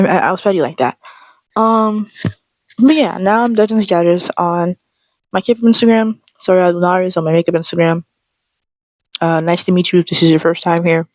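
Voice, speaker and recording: A woman vlogger ranting in a sassy, animated, slangy way, straight to camera. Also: on the low side, dry recording. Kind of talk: casual ranting monologue.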